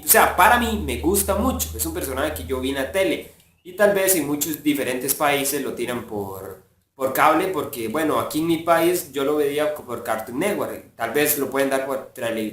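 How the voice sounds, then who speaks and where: A man's voice: on the high side, fairly bright tone. Rambling man explaining voice impressions. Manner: rambling, full of filler words. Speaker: voice impressionist and fandub creator. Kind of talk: casual explanation of voice imitation techniques. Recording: echoey room, mic far off, faint hiss.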